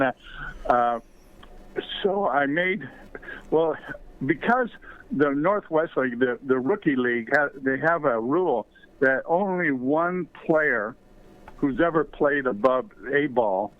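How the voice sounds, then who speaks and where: An older man, a former ballplayer and author, telling rambling baseball stories with many fillers as an interview guest. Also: mid-range voice. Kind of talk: storytelling in a podcast interview. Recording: tinny phone line.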